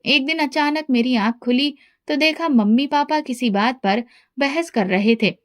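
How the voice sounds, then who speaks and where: A woman narrating a scripted emotional family story in an even, measured reading style. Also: high voice.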